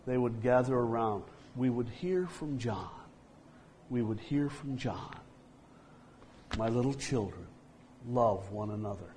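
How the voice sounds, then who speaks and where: A man preaching a sermon, hesitant with frequent fillers and restarts, dropping to a soft hush for quoted words. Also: a little high.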